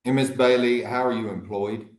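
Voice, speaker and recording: A man speaking as an attorney in a courtroom recording, formally questioning a witness in a measured, halting way. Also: medium pitch, fairly even intonation, echoey room, rough recording. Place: courtroom hearing.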